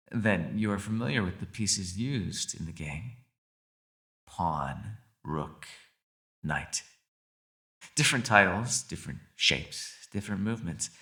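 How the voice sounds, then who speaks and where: Playing a captured fox spirit for an ASMR roleplay, the man uses a low yet crisply bright voice and commits fully to the character. He taunts in a sly, mock-polite way, with swooping, theatrical intonation and quiet menace, and comes across as sly and probing.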